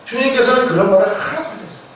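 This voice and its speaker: A man's voice: high voice, expressive, very fast, a bit bright, a little hiss or hum. A man, a pastor, preaching a Sunday sermon with rising emphasis and repeated blessings. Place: church sanctuary. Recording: echoey church hall, mic at a distance.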